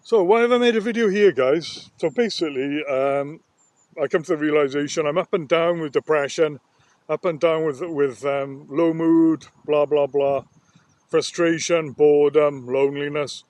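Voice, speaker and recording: A man's voice: fairly high pitch, normal speed, a little mellow. A man talking candidly while walking outdoors on a nature reserve, a little out of breath from the walk. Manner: rambling, candid, downbeat. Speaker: sound therapist vlogger. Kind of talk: walk-and-talk vlog. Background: faint outdoor ambience.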